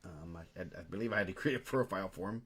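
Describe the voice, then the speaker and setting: A man co-hosting a casual podcast about high school wrestling, running through results in a steady, list-like way. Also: racing, breathy edge. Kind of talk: casual sports chat.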